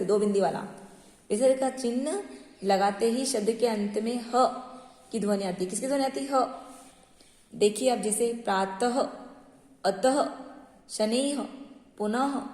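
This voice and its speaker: A woman's voice: a little high, a little mellow. A woman teaching a primary school Hindi class, patient and repeating words, asking checking questions. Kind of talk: online class lesson. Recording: echoey room with long reverb.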